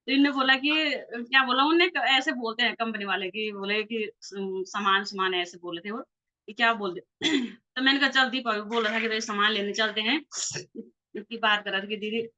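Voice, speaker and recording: Lively woman recounting her story. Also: a little high, a little fast. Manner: animated retelling of conversations. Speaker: network marketing leader. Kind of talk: personal story told casually. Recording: slightly dull lo-fi recording.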